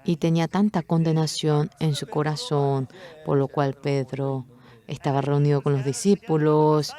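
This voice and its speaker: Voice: medium pitch, unhurried. A speaker interpreting a Bible sermon, telling the story expressively and acting out the quoted lines. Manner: expressive storytelling, acts out quotes and rooster calls.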